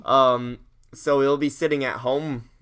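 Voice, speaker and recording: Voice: medium pitch, fairly even intonation, a little slow, a bit bright, smooth. A laid-back podcast co-host with a mid-range voice, chatting casually. The talk is easygoing, full of ums and likes. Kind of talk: casual chat.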